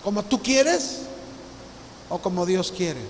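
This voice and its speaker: High-voiced pastor in echoing hall. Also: male voice, lively intonation, takes it slowly. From Mexico. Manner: earnest storytelling, acts out remembered dialogue. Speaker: visiting pastor. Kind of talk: sermon. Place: church hall. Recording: reverberant hall with faint hiss.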